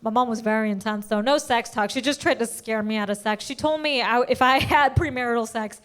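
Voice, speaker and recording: A young adult woman performing a stand-up comedy set on stage, telling brash stories fast with punchy punchlines. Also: fairly high pitch. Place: stage before a live audience.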